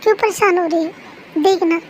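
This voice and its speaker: A performer doing a caring young husband, soft coaxing tone, high voice, faint hiss behind. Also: moderate pace, low-quality recording. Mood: reassuring. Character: gentle caring young husband, patient and soothing. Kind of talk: fan-made audio drama.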